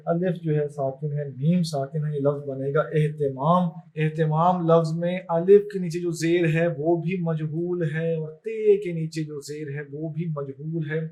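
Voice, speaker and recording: A male teacher giving a lesson, spelling out vowel marks in a slow, careful dictation. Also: a little high, warm tone. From Pakistan. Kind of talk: classroom lesson.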